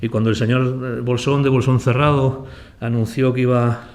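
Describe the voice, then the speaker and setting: A man from Aragon talks to young students in a relaxed, conversational way. He speaks to them directly and keeps asking rhetorical questions. His voice has an ordinary middle pitch. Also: normal speed. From Aragon, Spain. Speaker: writer giving a talk. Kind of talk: motivational talk to students.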